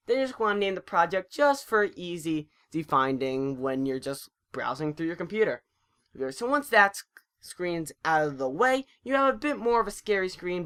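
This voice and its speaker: A tutorial narrator talks over a screen recording in an informal, chatty way. The voice is mid-pitched with a fairly bright tone, and the delivery stumbles a little.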